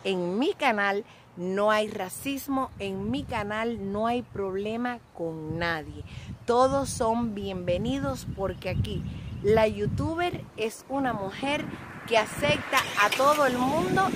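A middle-aged vlogger originally from Cuba records herself outdoors near a grassy lot, phone at arm's length. Her fairly high voice carries a showy, sing-song, self-flattering style over noisy surroundings.

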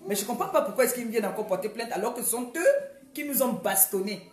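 A woman's voice: a little high, expressive, quick pace, darkish tone, echoey room. A woman speaking in a casual vlog monologue, emphatic and repetitive, often hesitating and restarting her sentences. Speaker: vlogger.

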